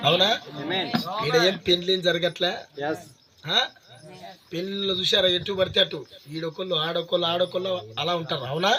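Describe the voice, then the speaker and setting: A man with an Andhra Pradesh Telugu accent preaching a sermon, questioning and urging his congregation. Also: sits high. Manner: shouts and pleads with congregation. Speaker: pastor. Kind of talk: sermon with call-and-response. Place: church hall with congregation. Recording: crowd noise behind.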